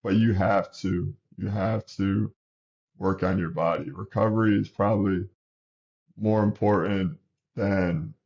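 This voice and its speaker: Deep and gravelly, a little slow, a thirtysomething basketball coach rambles casually as an interview guest, sniffling and restarting often while staying relaxed. The sound is lo-fi.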